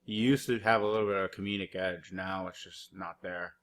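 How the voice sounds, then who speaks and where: A man's voice: deep voice, fairly even intonation, brisk, fairly bright tone, slight background noise. A man doing a mocking, rambling reaction commentary over news clips, cursing and heavy on fillers. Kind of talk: profane sarcastic reaction commentary.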